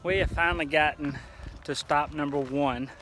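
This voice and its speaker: Man, travel vlogger, handheld phone video outdoors, matter-of-fact, slightly high voice. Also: fairly even intonation, normal speed, noisy background. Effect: handheld phone video recording. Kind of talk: casual travel vlog. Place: outdoors at a desert campsite. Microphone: phone held in hand.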